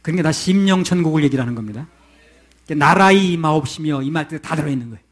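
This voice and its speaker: A man's voice: fairly high pitch, fast talker. A male pastor preaching a sermon to his congregation in a conversational way, often asking them questions.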